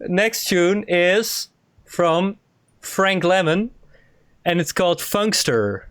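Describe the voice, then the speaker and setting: A man's voice: high-pitched, slow pace, a bit bright, clean tone, no echo. A man co-hosting a music show, chatting casually in a laid-back, jokey way. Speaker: show co-host. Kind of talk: casual chat.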